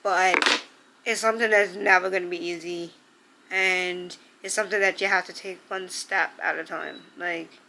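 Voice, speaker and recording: Young woman, vlogger, earnest and emotional, bright tense voice, faint background noise. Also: on the low side, steady tone, moderate pace, poor audio. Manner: earnest, heartfelt, full of "like" fillers. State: emotional, near tears. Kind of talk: sit-down advice vlog.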